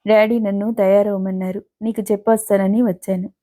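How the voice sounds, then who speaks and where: A woman voicing a gentle, sympathetic young woman. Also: medium pitch, level tone, fairly quick, close to an everyday voice.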